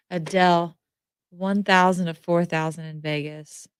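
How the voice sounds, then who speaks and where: Lower-pitched woman chatting on radio. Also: fairly even intonation, a little slow, clear, resonant tone, no echo, studio quality. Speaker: radio show co-host. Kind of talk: casual chat.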